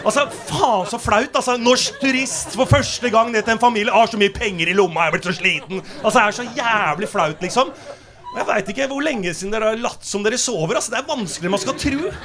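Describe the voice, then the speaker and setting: A male stand-up comedian on a theater stage, telling a story in a brash, animated way with plenty of swearing. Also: sits high, crowd noise. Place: theater stage before a live audience.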